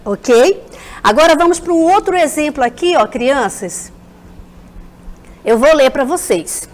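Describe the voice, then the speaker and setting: On a televised school lesson, a high-voiced Brazilian teacher talks straight to the children at a measured pace. She keeps her delivery animated throughout.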